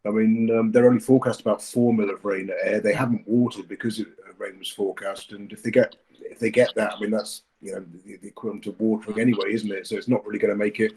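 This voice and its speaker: A man's voice: on the low side, little pitch movement, fast talker, darkish tone, rough recording. A man giving his horse racing tips in a casual chat, often hesitating with fillers and restarts. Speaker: racing tipster.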